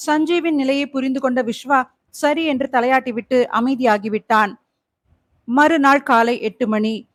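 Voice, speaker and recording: A young adult woman narrating an audiobook thriller in a steady storytelling manner. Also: high-pitched, a little slow, dry recording. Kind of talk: scripted narration.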